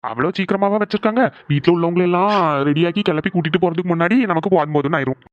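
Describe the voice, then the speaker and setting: A man's voice: sits high, very fast, no echo, close to an everyday voice. A man voicing a chatty village man gossiping about family. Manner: casual gossiping, rural Tamil speech. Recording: dry, dull lo-fi sound.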